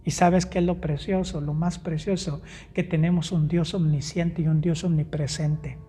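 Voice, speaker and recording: A man preaching a sermon in church, emphatic, rising to loud exclamations and dropping to soft asides, with fillers and self-corrections. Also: breathy edge. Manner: emphatic, swinging between raised exclamations and soft low asides; hesitant fillers and self-corrections while finding verses. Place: church hall. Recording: reverberant church hall with music behind.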